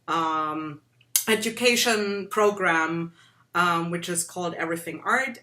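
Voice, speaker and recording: A woman's voice: lowish voice, pushed and bright. A woman hosting a casual interview, bubbly and giggly, with lots of ums and likes. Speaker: interview host.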